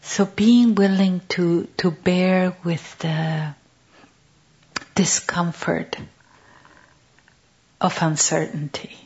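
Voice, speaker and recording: A woman giving a gentle contemplative teaching on prayer, speaking softly and often half-whispered in short, halting phrases. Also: on the low side, steady tone. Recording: dull lo-fi recording.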